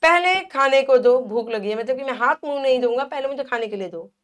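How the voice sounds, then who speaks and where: A stubborn, hungry young village boy whines for food and refuses to wash first, voiced by a woman reading a story aloud. The voice sits high. The demands come out insistent and petulant. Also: animated, fairly quick. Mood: demanding.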